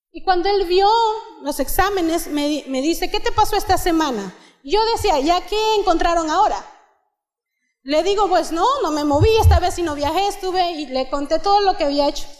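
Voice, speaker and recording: A woman's voice: very high voice, darkish tone. A young woman with a Mexican accent giving an earnest testimony sermon that rises into fervent exhortation, in a church. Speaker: guest preacher. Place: church hall. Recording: long church hall reverb.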